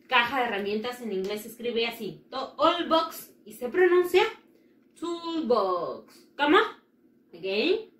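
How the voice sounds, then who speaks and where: Slow, drilling woman teacher, echoey room. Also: on the high side, a bit bright, distant mic, slight background noise. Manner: drills words slowly with repeated pronunciation. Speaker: English teacher. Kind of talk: remote English vocabulary lesson for children. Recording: roomy echo with faint ambience.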